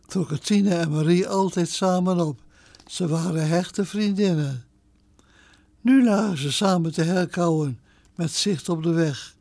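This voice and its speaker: A woman reading a children's story aloud, telling it slowly and gently. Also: lowish voice, no echo.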